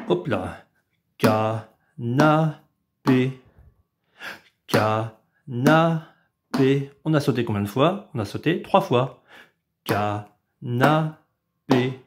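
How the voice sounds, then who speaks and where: A man, a preschool teacher, explaining a home activity to parents in a patient, step-by-step way, sometimes stretching words out slowly. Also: fairly high pitch, a little mellow. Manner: patient, explanatory, drawn-out syllables when demonstrating. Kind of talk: instructional video for parents.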